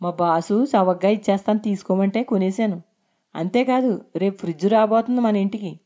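A woman's voice: mid-range voice, moderate pace, dark tone, lightly acted. A woman voicing a crude, sneering husband. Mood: boastful. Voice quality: mocking, sneering. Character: boastful, crude young husband.

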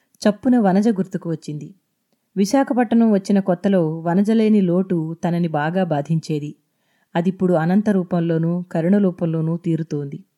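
A woman reading her own serialized novel as an audiobook, in a steady, measured narrating style. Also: lowish voice. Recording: echoey intro over music.

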